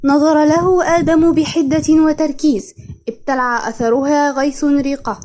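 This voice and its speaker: A young woman reads out a novel summary as narration, in a formal storytelling manner. Her voice is high and mellow. The tone is measured and even.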